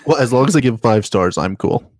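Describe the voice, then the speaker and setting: A man's voice: medium pitch, expressive, brisk, a little mellow, no room sound, clean studio sound. A young man co-hosting a casual podcast, talking in loose, rambling bursts. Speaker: podcast co-host. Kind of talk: casual chat.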